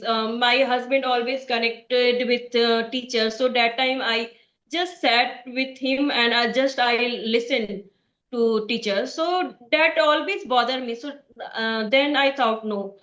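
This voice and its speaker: A woman's voice: a little high, a bit bright. A woman from Bihar with an Indian accent, practicing English in a casual conversation and speaking hesitantly with many fillers and restarts. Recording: echoey, dull lo-fi sound.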